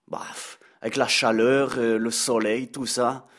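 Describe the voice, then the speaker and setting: A man's voice: medium pitch, little pitch movement, unhurried, a bit bright. A man playing a sarcastic, gossipy male French teacher with a Belgian accent, in a comic radio editorial full of "hein". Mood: teasing. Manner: teasing, sarcastic, peppered with "hein". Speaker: comic columnist.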